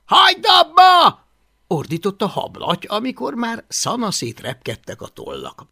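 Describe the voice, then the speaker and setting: A man narrating a children's adventure audiobook with an expressive, animated reading. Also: high voice, gravelly, husky, dry recording, clean studio sound. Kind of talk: storytelling narration.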